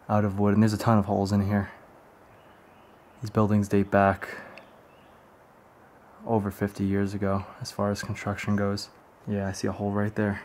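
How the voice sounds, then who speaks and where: A young adult man with a lowish, slightly mellow voice casually narrates to his handheld camera as a vlogger exploring wooded roads and derelict buildings. The outdoor sound is noisy.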